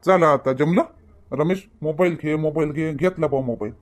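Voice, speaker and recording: A man's voice: on the high side, normal speed. A man acting in a village comedy skit, talking in a bossy, grumbling way. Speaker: comedy sketch actor.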